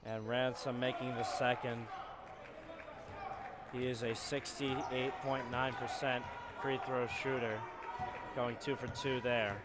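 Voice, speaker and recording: A man calling live college basketball play-by-play from an arena skybox, breaking into shouts on big plays. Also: medium pitch, level tone, slow pace, pauses often. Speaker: play-by-play commentator. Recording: noisy arena broadcast.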